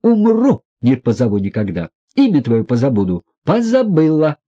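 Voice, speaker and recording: A man voicing a hot-tempered, imperious older noblewoman who scolds in shrill outbursts. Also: huge pitch swings, moderate pace, warm tone, lo-fi sound. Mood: furious.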